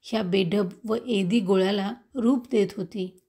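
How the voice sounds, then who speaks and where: Lady narrating an old classic book, steady calm reading pace. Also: mid-range voice, measured pace, gravelly, husky. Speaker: audiobook reader. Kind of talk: scripted narration of a classic novel.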